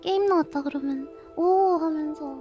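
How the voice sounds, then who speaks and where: Very high-pitched, cute anime-style young woman streamer. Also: normal speed, muffled recording, faint music behind. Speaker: live streamer signing off. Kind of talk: casual chat to stream viewers.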